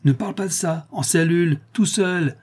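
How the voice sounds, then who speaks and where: Un homme lisant à voix haute prête sa voix à un forçat endurci et fanfaron, à la bravade sauvage. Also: male voice, mid-range voice, lively intonation, moderate pace, mellow, husky. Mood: horrified. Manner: swaggering, boastful. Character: boastful hardened male convict, savage bravado.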